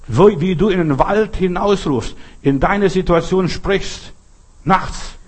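A man preaching a sermon in an emphatic, repetitive way, with a husky voice. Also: high voice, takes it slowly. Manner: emphatic, repeats phrases, shouts echoing cries when telling stories.

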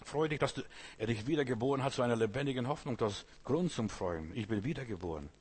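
Man, sermon, husky voice, talks straight to the listener, storytelling preacher. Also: medium pitch, animated, fast talker, a little mellow. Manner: addresses listener directly, storytelling, voices quoted figures.

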